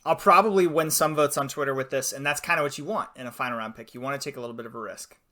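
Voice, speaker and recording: A man's voice: medium pitch, rapid-fire, pushed and bright. A young man co-hosting a podcast in casual chat, easygoing, laughing often and thinking aloud. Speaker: podcast host.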